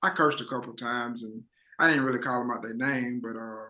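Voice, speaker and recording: A man hosting a casual podcast chat with a bright, forward tone. He rambles through his stories, stumbling over and repeating words, and laughs easily. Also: mid-range voice, fairly even intonation, brisk. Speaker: podcast host.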